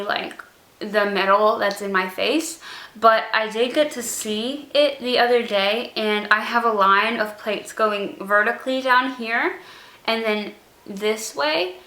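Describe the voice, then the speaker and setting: A woman's voice: on the high side, bright, forceful tone, roomy sound, rough recording. Young woman slurring after jaw surgery. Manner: rambling, many ums and likes, self-conscious. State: struggling to pronounce words after jaw surgery. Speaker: vlogger. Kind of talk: casual vlog update.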